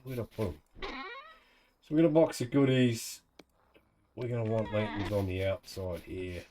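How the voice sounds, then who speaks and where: With a New Zealand accent, a man narrates his own let's play in laid-back, colloquial commentary, thinking out loud as he goes. His voice is mid-range and a little mellow, with a bit of hiss or hum in the recording.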